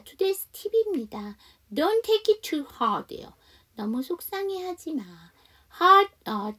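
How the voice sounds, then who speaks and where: Woman teacher walking thru pronunciation, breathy voice, swoops up and down a lot. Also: a little high, a bit bright, far from the mic. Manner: explains step by step and models phrases slowly. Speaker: English conversation teacher. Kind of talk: pronunciation lesson.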